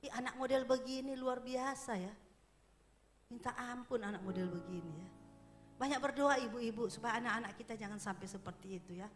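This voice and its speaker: A woman pastor giving a sermon in church, chatty and joking at first, then growing loud and emphatic as she exhorts the congregation. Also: a little high, fairly even intonation, brisk, faint music behind. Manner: conversational preaching, rising to emphatic exhortation, laughs with congregation.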